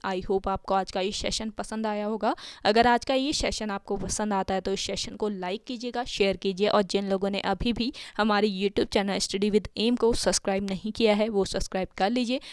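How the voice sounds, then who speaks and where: Brief: woman teacher, mid pitch, dry close mic, answers her own questions, exam-prep grammar. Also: clear, resonant tone, no room sound. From India. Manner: spells out words sound by sound.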